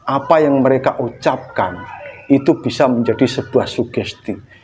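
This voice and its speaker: A man's voice: medium pitch, normal speed, a little mellow. Casual storyteller: man, middle-aged, joking and chatty, faint noise behind. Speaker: vlogger sharing personal recovery story. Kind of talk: casual monologue.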